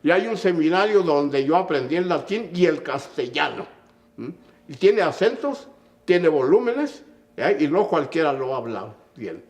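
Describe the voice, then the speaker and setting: Animated older Mexican man lecturing. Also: on the high side, measured pace. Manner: emphatic, lecturing, checks in with "¿mm?". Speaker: conductor and musician. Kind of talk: anecdotal storytelling in an interview.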